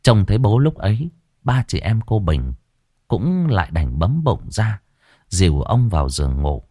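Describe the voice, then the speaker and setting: A man narrating an audiobook story with expressive storytelling. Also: fairly low pitch, measured pace, no echo, studio quality.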